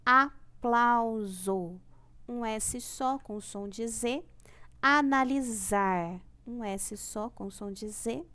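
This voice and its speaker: A woman's voice: on the high side, steady tone, takes it slowly, hardly any pauses, a little mellow. A woman teaching a primary class remotely with a Brazilian Portuguese accent, patient and repetitive, stretching out key words and checking in often.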